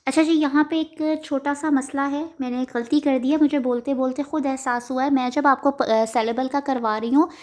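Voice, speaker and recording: A woman's voice: high-pitched, steady tone, moderate pace, hardly any pauses, darkish tone. Woman teaching grammar. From Pakistan. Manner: explains step by step, often checks with "ठीक है" and corrects herself mid-lesson. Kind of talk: exam-prep grammar lesson.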